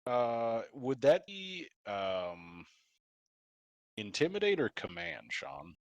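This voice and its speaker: A man's voice: mid-range voice, sing-song, slow, vocal fry, no room sound, lo-fi sound. A man playing a tabletop game with friends over a voice call, talking casually with slang and jokes. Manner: laid-back, slangy, joking. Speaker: player. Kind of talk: casual chat while building a character.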